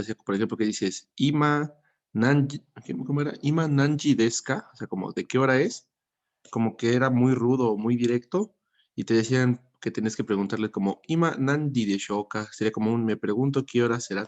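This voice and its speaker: A man's voice: fairly low pitch, highs cut off. A man attending an online language class, asking questions hesitantly and thinking aloud. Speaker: student. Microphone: video call.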